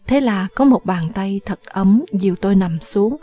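A woman reading a novel aloud as an audiobook narrator, in a measured storytelling manner. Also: mid-range voice, mellow, dull audio. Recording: faint background music.

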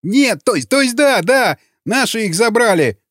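A man voicing a terrified captured gunman who whimpers and begs in a shrill, trembling voice. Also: sing-song, normal speed, fairly bright tone, no room sound, studio quality, heavily acted. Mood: frightened. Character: terrified captured young male gunman, begging.

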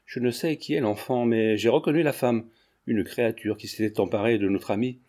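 A man's voice: mid-range voice, fairly quick, warm tone, natural voice. A man voicing an anxious, earnest young man in love who talks urgently.

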